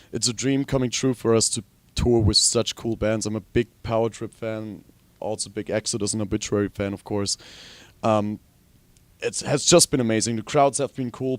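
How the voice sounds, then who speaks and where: Young Austrian-born musician, chatty and dry. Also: male voice, mid-range voice, dry recording. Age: young adult. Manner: relaxed, rambling, frequent ums. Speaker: guitarist and singer. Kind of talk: casual interview.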